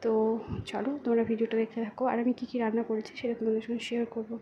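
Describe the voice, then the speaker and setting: A young woman talking softly and quietly into a headphone mic as she narrates her home vlog. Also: fairly high pitch, monotone, racing, lo-fi sound, a little hiss or hum. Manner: soft-spoken, quiet. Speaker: vlogger.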